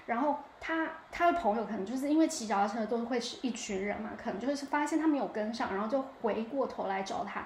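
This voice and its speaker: A young woman with a Taiwanese Mandarin accent tells a story on her podcast in a lively, chatty way, often checking in with the listener. Her voice sits a bit high. The room rings with echo, and a faint hum of ambience runs underneath. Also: fast talker, few pauses. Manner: animated, keeps asking the listener 你知道吗. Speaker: podcast host. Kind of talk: casual storytelling monologue.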